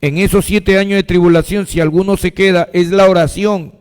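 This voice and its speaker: A male pastor delivers a sermon in a voice that sits high for a man. He keeps throwing questions at his congregation and answering them himself. His words trail off into a long reverberant echo. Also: fairly even intonation, brisk, darkish tone, clean tone. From Peru.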